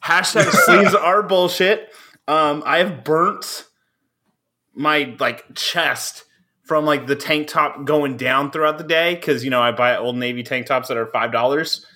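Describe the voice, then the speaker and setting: Bright-voiced frat-bro man. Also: mid-range voice, fairly even intonation, unhurried. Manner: frat-bro talk, crude and profane. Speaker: podcast co-host. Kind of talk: casual banter among friends.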